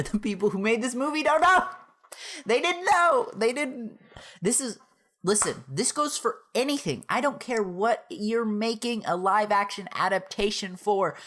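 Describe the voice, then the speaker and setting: A young woman in her twenties ranting a movie review straight to camera, exasperated, breaking into laughter and yelling between calmer stretches. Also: mid-range voice. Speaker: YouTube reviewer. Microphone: camera mic, facing the camera.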